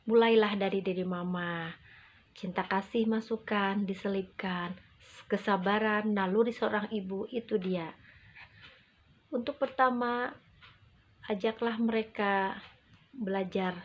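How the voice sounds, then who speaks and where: A woman gives instructional talk to parents as an early childhood educator, over-enunciating with deliberate, emphatic phrasing and short pauses. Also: medium pitch, fairly even intonation. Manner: acts out parent and child quotes. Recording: muffled, dull lo-fi audio.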